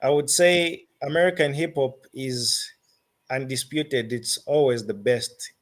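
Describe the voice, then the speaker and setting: A musician with a Zambian accent and a mid-range voice answers interview questions, working through his thoughts in a deliberate, halting way.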